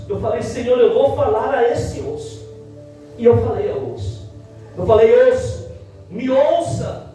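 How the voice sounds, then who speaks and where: A male pastor from Ceará, preaching a testimony sermon and acting out dialogue with dramatic slowdowns. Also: extremely high pitch, mellow, far from the mic. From Ceará, Brazil. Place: church. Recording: echoey church hall, mic from afar.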